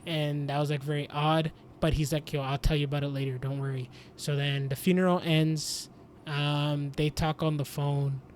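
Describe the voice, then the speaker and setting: Rambling young man, slightly high voice. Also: level tone, moderate pace, hardly any pauses, a little hiss or hum. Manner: rambling recap full of "like" and "basically". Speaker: podcast host. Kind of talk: casual chat.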